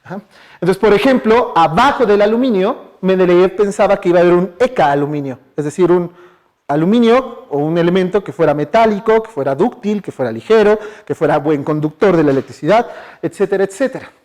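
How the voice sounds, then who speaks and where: A guest speaker with a Mexican Spanish accent delivers a laid-back public science talk in a university lecture hall. His voice is slightly high, and his chatty style has him throwing questions at the audience and plugging pauses with lots of fillers like "eh" and "ajá".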